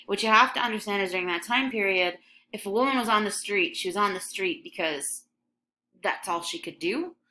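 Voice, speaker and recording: A young woman from Michigan with a slight local accent teaches a recorded English lesson over scrolling text, chatting casually with plenty of ums and likes. Her mid-range voice is pushed and bright, with a little hiss or hum in the recording.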